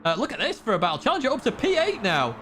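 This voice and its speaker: Male sim-race caster, high and very animated, chatty, faint game noise behind. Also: fast. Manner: excitable, chatty, laughs along. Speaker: race commentator. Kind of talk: live sim racing commentary.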